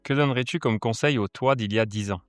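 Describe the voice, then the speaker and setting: A man's voice: mid-range voice, fast, no room sound, studio quality, faint music behind. A man hosting a podcast interview, asking casual, brief questions. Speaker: podcast host.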